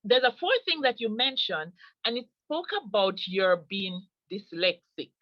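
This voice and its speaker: A woman's voice: medium pitch, big pitch swings, a little slow, no room sound. Woman interviewer summing up answers. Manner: recaps and summarizes the guest's answers. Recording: dull lo-fi sound.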